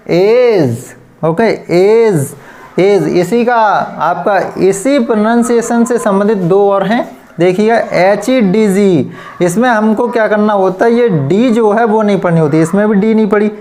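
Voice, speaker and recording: A male teacher giving a pronunciation lesson. He spells each word out letter by letter, repeats it slowly and closes each point with "okay". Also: high-pitched. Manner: ends points with a steady "okay". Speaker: English teacher.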